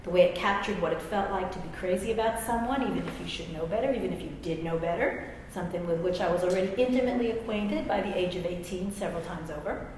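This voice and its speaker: With a lowish, darkish voice, a quick pace, and few pauses, a middle-aged American woman reads a personal essay to a live audience. She's an author and English professor whose asides are wry, self-deprecating, and conversational. Very echoey hall, faint background noise.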